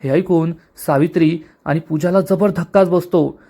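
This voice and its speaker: A man narrating a recap of a TV serial episode in a brisk storytelling manner. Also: on the high side, fairly even intonation, mellow.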